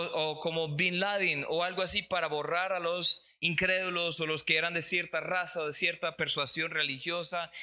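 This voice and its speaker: Bright-voiced man preaching a sermon. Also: on the high side. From Colombia. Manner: reads scripture aloud, slows for emphasis. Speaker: pastor.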